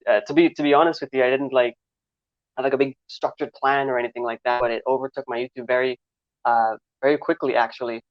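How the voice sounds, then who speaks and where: A man's voice: mid-range voice, little pitch movement, fast talker, no echo. A man in his twenties from Trinidad with a New York accent, answering interview questions in a rambling way, with many fillers and restarts. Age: 20s. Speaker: guest filmmaker. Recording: slightly dull, dry recording.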